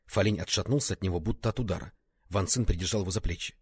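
A man reading a story aloud as narrator, with expressive, varied intonation. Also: low voice, quick pace, husky. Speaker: audiobook reader. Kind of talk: scripted narration.

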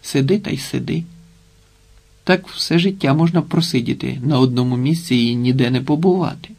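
A male audiobook narrator with a gravelly, mid-pitched voice. He tells the story at a measured, even-handed pace. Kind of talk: audiobook reading.

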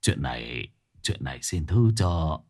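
A man playing a weary, resigned old male exorcist who talks slowly and gravely. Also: a bass voice, sing-song, darkish tone, voice pushed down, exaggerated voice. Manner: slow, apologetic, grave.

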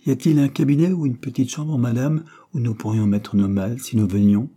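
A man reading aloud voices a gentle, easygoing old lady in a storybook. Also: mid-range voice, a little fast, pitched above the performer's own voice, lightly acted. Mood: mild. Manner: mild, conciliatory.

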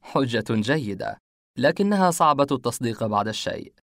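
A man playing a self-assured police detective in a spoken mystery, pressing his questions with slow, pointed calm. His mid-pitched voice is close and dry. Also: no echo, close to an everyday voice. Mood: probing. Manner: measured, confident.

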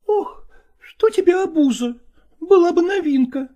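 Tearful, clingy young actress voiced by a male narrator in an audiobook, high falsetto-like pitch and dark, mellow tone. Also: animated, measured pace. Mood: tearful reproach. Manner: high, pleading and reproachful, tearful. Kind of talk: audiobook character reading.

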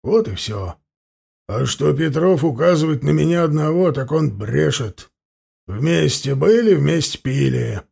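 Guy reading a grumpy robber, gravelly and husky, swinging all over in pitch. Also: expressive, a little slow, darkish tone, full character voice. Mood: confessing. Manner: blustering, indignant. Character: rough peasant robber, defiant and hot-tempered.

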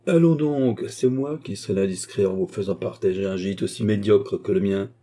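Hearty old aristocrat-hunter, boisterous and welcoming, for a storybook; a man reads him, somewhat low and dark, with a husky edge. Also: moderate pace, close to an everyday voice. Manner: hearty and effusive. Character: jovial old male country nobleman and hunter.

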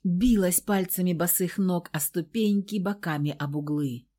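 A woman's voice: lowish voice, normal speed, warm tone. A woman reading a first-person audiobook in a tense, intimate manner. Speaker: audiobook narrator.

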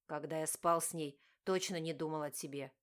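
A smug, cold-hearted young husband, voiced by a woman narrator, speaking low and slow with a sneer. He mocks more than he argues. The voice sits well below the reader's usual register. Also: steady tone, close to an everyday voice. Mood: mocking.

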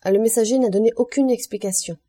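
A woman's voice: a little high, quick pace, warm tone, voice pushed up, lightly acted. A woman voicing a formal, deferential male servant delivering a message, in an audiobook.

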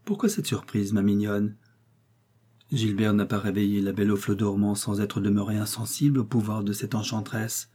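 A man reading aloud, voicing an old mother who laments and pleads over her son, in a husky voice. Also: fairly low pitch, steady tone, moderate pace, mellow. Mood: earnest. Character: anxious old mother, tender and talkative.

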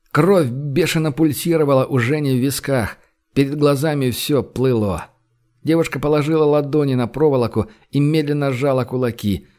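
A man reading an audiobook novel with measured, even narration. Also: mid-range voice. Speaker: audiobook reader. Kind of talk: scripted narration.

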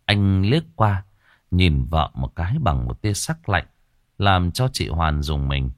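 Male storyteller, low voice, lively swooping delivery, dry close recording. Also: slow, dry recording. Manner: dramatic, expressive. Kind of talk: ghost story narration.

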